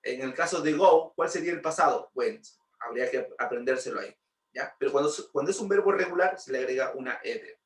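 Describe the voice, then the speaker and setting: A man's voice: mid-range voice, a little fast, far from the mic. Man teaching grammar, roomy sound. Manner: patient, repeats points, asks rhetorical checks. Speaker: English teacher. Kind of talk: explaining grammar lesson. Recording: roomy, voice from off-mic.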